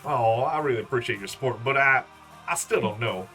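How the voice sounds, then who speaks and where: A man's voice: medium pitch, brisk, sharp tone, soft background music, lightly acted. A man voicing an earnest, insecure young monster in a video game. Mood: hesitant.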